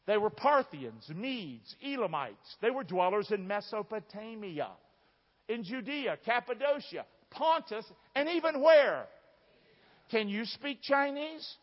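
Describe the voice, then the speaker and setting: In a large church room with dull, reverberant acoustics, a man from the southern United States delivers a sermon in an emphatic, folksy Southern American style. His voice is high-pitched with big swings, his pace measured, and he poses questions to the congregation.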